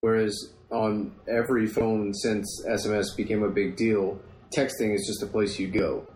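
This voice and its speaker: Young guy on a podcast, low voice, echoey room w faint background noise, eager explainer. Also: little pitch movement, moderate pace, a little mellow. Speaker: guest panelist. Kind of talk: casual tech podcast chat.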